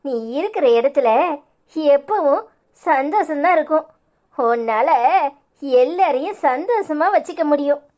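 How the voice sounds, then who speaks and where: A woman voicing a kindly, emotional elderly grandmother in a cartoon, speaking with a Tirunelveli Tamil accent in a soft, fond way. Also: high voice, expressive, a little slow. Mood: doting. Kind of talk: cartoon voice acting.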